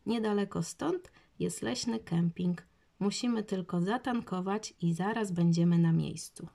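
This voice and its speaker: A woman's voice: mid-range voice, measured pace, vocal fry, mellow. Woman reading an upbeat, reassuring dad. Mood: cheerful. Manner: upbeat, confident. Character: cheerful, reassuring family father.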